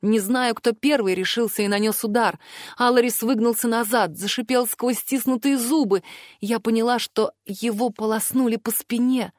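A woman reading a first-person novel aloud in expressive narration. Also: on the high side, moderate pace, dry recording, studio quality. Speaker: audiobook narrator. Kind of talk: scripted narration.

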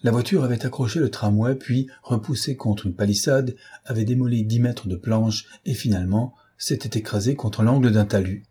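A man narrating a novel as an audiobook in a measured, dramatic way. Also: mid-range voice, dark tone, husky. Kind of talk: novel reading.

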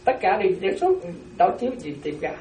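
A woman's voice: mid-range voice, big pitch swings, quick pace, warm tone, a little hiss or hum. A Buddhist nun giving a dharma talk, repeating key phrases and often asking whether her listeners follow. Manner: keeps checking listeners follow with repeated questions. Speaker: Buddhist nun teaching a class. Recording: roomy, distant mic.

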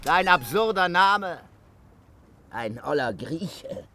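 A jovial mocking young prankster. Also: male voice, fairly high pitch, expressive, slow pace, sharp tone, slight background noise, full character voice. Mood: teasing. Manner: mock-preaching, teasing, theatrical. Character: boisterous young man mocking priests, jovial. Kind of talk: radio drama acting.

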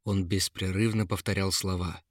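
A man narrating a fairy tale in a dramatic, measured way, close to the mic. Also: sits low, little pitch movement, no room sound. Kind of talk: storybook narration.

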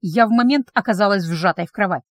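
A woman's voice: medium pitch, fast talker, dry recording. A woman narrating a novel in the first person as an audiobook reader, in an intimate, tense storytelling manner, close to the microphone.

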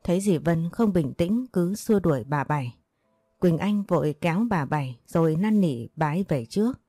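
A woman reading a scripted story as narrator in an even, plain way. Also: fairly low pitch, moderate pace, no echo, clean studio sound, soft background music.

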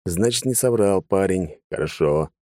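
A male audiobook narrator with a low, dark voice reads a first-person fantasy story in a dry, matter-of-fact way, though his intonation is lively and his pace normal. The sound is close and dead, like a treated recording booth, with no echo.

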